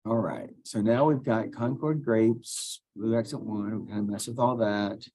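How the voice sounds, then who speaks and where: Unhurried and warm, his lowish voice carries a screen-recorded software tutorial. The teacher casually thinks aloud as he clicks, talking students through the computer task step by step.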